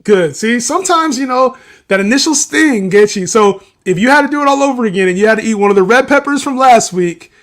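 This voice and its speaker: A man's voice: extremely high pitch, lively intonation, a little fast, fairly bright tone. A man co-hosting a casual sports betting livestream, laughing often and teasing his partner. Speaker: livestream co-host.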